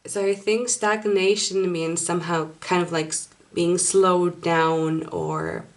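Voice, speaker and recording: A woman's voice: fairly low pitch, little pitch movement, takes it slowly. A woman from Finland with a Finnish accent, a native Finnish speaker, giving a casual tarot card reading in a hesitant, apologetic way as she searches for words. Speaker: tarot reader.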